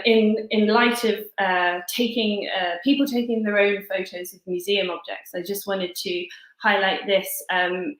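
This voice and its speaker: A woman giving an online seminar presentation in a halting way, with many fillers and restarts. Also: medium pitch, fairly bright tone, reverberant, poor audio. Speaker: guest lecturer.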